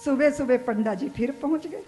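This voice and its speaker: High-voiced woman telling a devotional story. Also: moderate pace, faint music behind. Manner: animated, dramatic, acts out voices. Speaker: katha storyteller.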